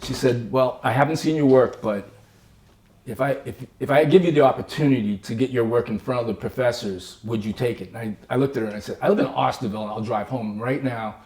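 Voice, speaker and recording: Speaking quickly at a medium pitch, this Cape Cod, Massachusetts artist sounds roomy as he recounts his career during a relaxed studio interview. His storytelling is lively: he mimics the characters in his anecdotes and breaks into frequent laughter.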